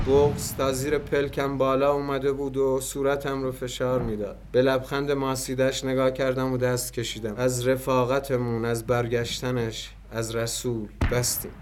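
A man reading a first-person story aloud as a scripted narration, measured and vivid. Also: medium pitch, slight background noise.

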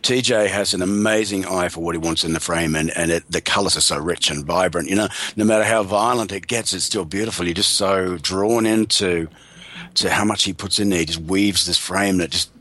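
A man's voice: low voice, a little fast, fairly bright tone. A man being interviewed as an actor guest, telling emphatic stories in a casual chat.

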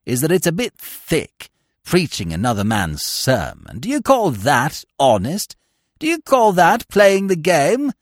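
Guy doing a jumpy young toff, voice goes high and all over the place, dry sound. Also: big pitch swings, slow pace, no room sound, exaggerated voice. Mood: agitated, sulky. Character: excitable young gentleman, easily upset.

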